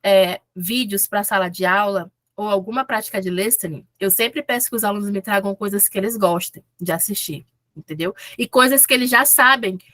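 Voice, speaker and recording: A woman's voice: mid-range voice, a bit bright, no echo. A woman from Brazil teaching English in a casual, chatty lesson, often checking in with her listeners.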